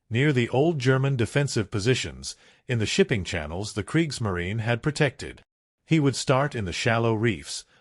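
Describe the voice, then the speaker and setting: A man giving scripted dramatic narration in a measured, cinematic storytelling manner. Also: on the low side, no echo, studio quality.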